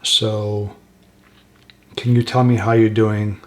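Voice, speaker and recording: Man, paranormal investigator, low pitch, monotone, soft-spoken, slow questions with pauses, addressing a spirit. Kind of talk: spirit box session, speaking to a spirit.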